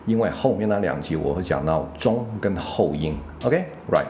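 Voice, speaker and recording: A man's voice: low voice, expressive, normal speed, a little mellow, faint music behind. A man with a Taiwanese Mandarin accent teaching English pronunciation in a casual spoken lesson, explaining patiently and dropping English fillers like OK and right. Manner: explains patiently, with frequent check-ins.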